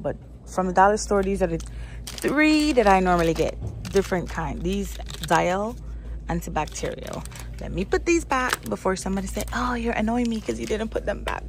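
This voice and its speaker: Recorded on a handheld phone camera with background noise, a woman with a lowish voice vlogs her way down a store aisle. Her narration is casual and chatty, and she thinks aloud and often circles back to repeat herself.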